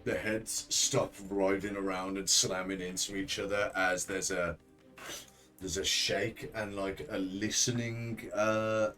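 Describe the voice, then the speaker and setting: A man acting as game master, narrating a tabletop role-play game in halting, searching descriptions. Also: low voice, flat delivery, a bit bright, faint music behind, rough recording.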